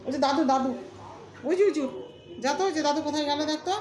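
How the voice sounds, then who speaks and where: A woman's voice: high-pitched, quick pace, a little mellow. A woman talking casually to her pet dog, coaxing and scolding it in a sing-song voice. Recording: echoey room with clear background noise.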